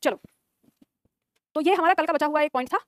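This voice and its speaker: A woman's voice: high-pitched, a little fast, dry recording, clean studio sound. A woman teaching a Hindi grammar exam-prep class, dictating notes, repeating lines and quizzing her students.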